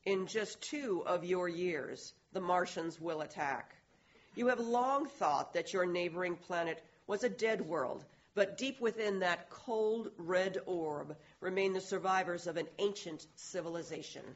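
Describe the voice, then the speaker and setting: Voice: medium pitch, measured pace, natural voice. Grave otherworldly herald listing doom, declaiming, muffled lo-fi audio drama sound, someone doing the voice. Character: otherworldly herald warning humanity.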